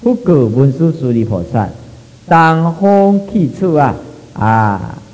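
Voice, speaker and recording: Taiwanese-accented male sutra lecturer, animated and mellow, drawn-out fillers, echoing hall. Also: mid-range voice. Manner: drawn-out phrasing, frequent 啊 fillers, mixing in Hokkien. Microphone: microphone.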